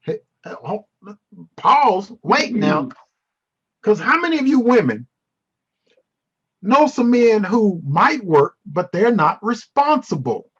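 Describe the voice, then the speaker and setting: A high-voiced man with a husky edge leads a casual Bible class on a video call. He teases his students and reacts to the chat, and the call audio sounds dull and lo-fi. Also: sing-song, takes it slowly, long pauses. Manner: playful, teasing, responds to chat. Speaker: Bible study teacher.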